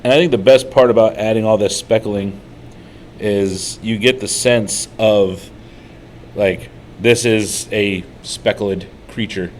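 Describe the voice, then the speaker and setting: Male co-host, low voice, rambling casual tutorial chatter, faint room hum. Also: steady tone, takes it slowly, poor audio. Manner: rambling, storytelling, frequent fillers. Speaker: co-host painting miniatures. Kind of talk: casual painting tutorial chat.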